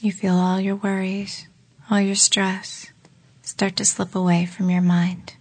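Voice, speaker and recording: A woman leading a guided relaxation exercise in a slow, soft voice that often drops into a whisper. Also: mid-range voice, little pitch movement. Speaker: meditation guide.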